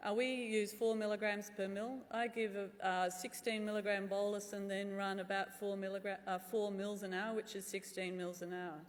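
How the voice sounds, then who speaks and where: In a reverberant hall, a middle-aged woman answers questions as a conference speaker. She is candid and drily humorous, starting some phrases hesitantly, with a medium-pitched voice. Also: little pitch movement, normal speed, few pauses. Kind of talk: answering audience questions after a medical talk. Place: large conference room. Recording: echoey hall with long reverb.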